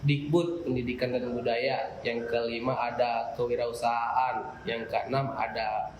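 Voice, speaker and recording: A man's voice: mid-range voice, flat delivery, a little slow, muffled recording, a crowd in the background. A young man, a student association chair, explaining his group at length in a casual podcast chat, with frequent fillers. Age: young adult. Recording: roomy room with faint ambience.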